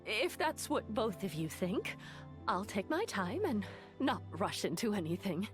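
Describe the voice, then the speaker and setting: An actress voices a female merchant in a video game who is eager, inquisitive and gossipy. Her medium-pitched delivery is animated, polite and teasing.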